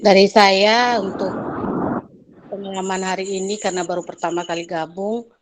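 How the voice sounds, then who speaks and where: A woman at her first church group meeting shares what she learned over a video call. She speaks in earnest, measured phrases at a middle pitch. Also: steady tone, noisy background. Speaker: first-time group member.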